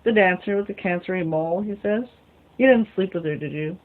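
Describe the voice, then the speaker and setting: A woman's voice: fairly low pitch, a little fast. A woman reading a novel aloud as a storyteller, muttering short asides to herself between passages. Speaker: reader. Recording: phone-like lo-fi recording.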